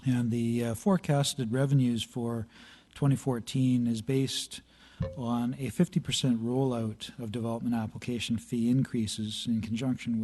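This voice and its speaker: Hoarse man presenting a budget report. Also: medium pitch, darkish tone. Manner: halting, many fillers, clears throat. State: slightly hoarse. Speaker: city planning staff presenter. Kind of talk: reading a budget report at a council meeting. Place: council chamber. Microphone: meeting room microphone.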